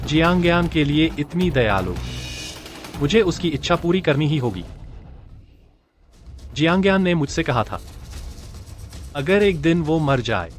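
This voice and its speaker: A grieving, scheming husband. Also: male voice, a little high, lively intonation, measured pace, long pauses, soft background music. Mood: determined. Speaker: husband grieving his wife. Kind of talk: dubbed drama acting.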